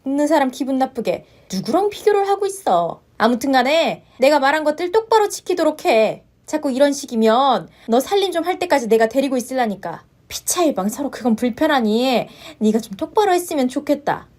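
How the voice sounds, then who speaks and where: A woman's voice: high-pitched, sing-song, fairly quick, few pauses, a little mellow. A woman voicing a domineering, scolding older mother-in-law with harsh, contemptuous reproaches in a narrated story. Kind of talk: story narration with voiced roles.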